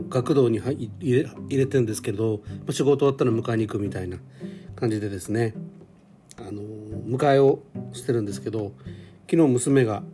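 A man's voice: medium pitch, dark tone. A man in his forties hosting a casual solo podcast, rambling and self-deprecating with lots of fillers. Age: 40s. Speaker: podcast host. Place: home.

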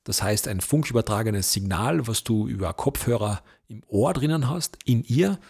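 A man teaching voice technique as an event host, in an emphatic way, slowing down to stress key points. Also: lowish voice, animated, gravelly, slightly rough. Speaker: event host and speaking coach. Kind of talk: instructional talk on voice technique.

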